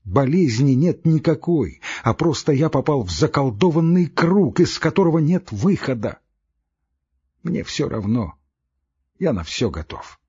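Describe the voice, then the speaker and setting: A man voicing a middle-aged male doctor who is nervous and breaking down, with a husky voice and shrill, tearful shouting. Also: lively intonation, a little slow, muffled recording, exaggerated voice. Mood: weary.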